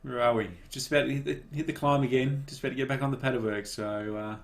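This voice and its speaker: A man giving relaxed, casual live commentary on a cycling race and cheering riders on by name. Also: mid-range voice, fast, vocal fry.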